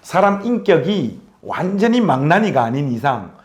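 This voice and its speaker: A man's voice: on the high side, big pitch swings, moderate pace, darkish tone. A man who is a pastor and author, talking earnestly in a conversational interview with preacherly phrasing.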